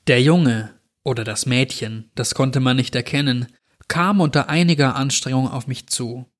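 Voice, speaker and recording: A man reading a creepy horror story aloud in a measured storytelling manner. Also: medium pitch. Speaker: narrator.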